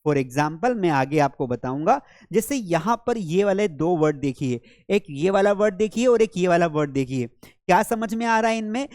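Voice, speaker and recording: A man's voice: high voice, a little mellow, dry recording, studio quality. A man with an Indian accent teaching an English lesson in Hindi, repeating words and quizzing the viewer like a classroom teacher. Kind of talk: classroom-style language lesson.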